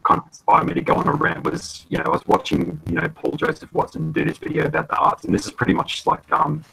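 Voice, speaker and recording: A man's voice: a little high, fast, vocal fry, bright, forceful tone, breathy edge, rough recording. A man in a casual online hangout, ranting hesitantly with lots of fillers. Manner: hesitant, filler-heavy, loose rant. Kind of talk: casual political discussion. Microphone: home computer mic on a video call.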